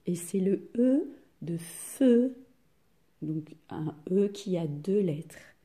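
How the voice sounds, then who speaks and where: A woman teaching a spelling lesson to young children, patient and deliberate, sounding out each syllable. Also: lowish voice, lively intonation, dark tone. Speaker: primary school teacher.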